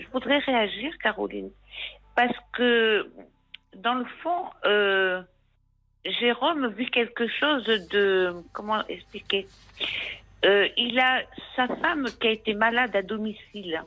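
A woman's voice: fairly high pitch, bright, forceful tone, low-quality recording. Hesitant woman caller on a radio show. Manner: hesitant, earnest, halting restarts. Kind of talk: phone-in testimony.

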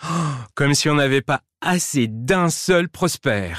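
A man's voice: on the high side, lively intonation, a little slow, fairly bright tone, no echo, studio quality, voice pushed up. A man voicing a haughty male fox who scolds in a lofty, sing-song way in a storybook reading.

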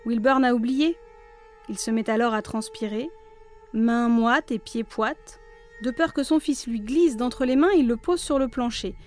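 A woman narrating a children's storybook aloud in a clear, expressive manner. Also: a little high, measured pace, soft background music.

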